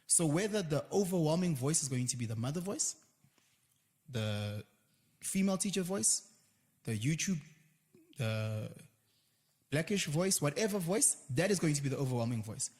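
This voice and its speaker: A South African man talking in a casual conversation as a guest, animated and slipping into quoted voices now and then. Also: on the high side, moderate pace, long pauses, in a large hall.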